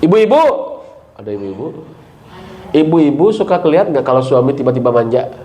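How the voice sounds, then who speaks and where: A middle-aged man with a Sundanese accent giving a lively Islamic parenting talk, jumping up in pitch for emphasis and often checking with his listeners. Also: a little fast. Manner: animated, leaps high in pitch for emphasis, asks the audience questions. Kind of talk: lively religious study talk.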